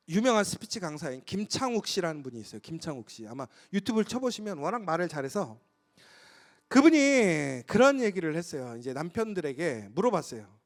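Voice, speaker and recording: A man's voice: on the high side, moderate pace. A male pastor preaching a sermon, emphatic and storytelling, who often turns to the congregation with rhetorical questions. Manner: lively, storytelling delivery with occasional laughs.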